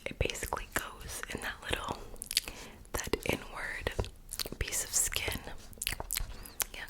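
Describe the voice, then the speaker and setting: A woman performs a whispered role-play for ASMR, playing a piercer with a client. Her voice is a breathy, fully unvoiced whisper. She chats softly and casually, in a reassuring way. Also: takes it slowly, poor audio. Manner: soft, casual, chatty, reassuring.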